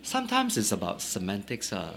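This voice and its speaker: A man's voice: on the low side, huge pitch swings, creaky, a bit bright. Thoughtful Singaporean man in casual chat. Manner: thoughtful, pausing often with "uh" and "right?". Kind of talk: casual conversation.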